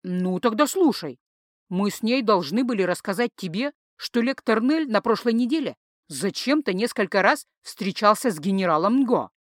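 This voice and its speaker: A woman voices a drunk, pompous young man who stammers and insists loudly. Her mid-range voice is lively in intonation and moderate in pace, close to an everyday voice, recorded with clean studio sound and no echo.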